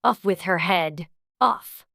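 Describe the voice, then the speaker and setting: A woman's voice: fairly low pitch, slow pace, gravelly, sharp tone, no echo, clean studio sound, exaggerated voice. A woman playing an imperious, severe, hot-tempered queen in a dramatized storybook. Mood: furious.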